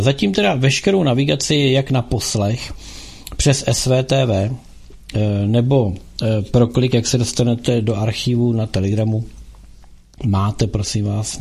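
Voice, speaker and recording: A man hosting a casual call-in radio show, talking in a rambling, halting way with frequent filler sounds. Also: medium pitch, creaky, darkish tone, breathy edge.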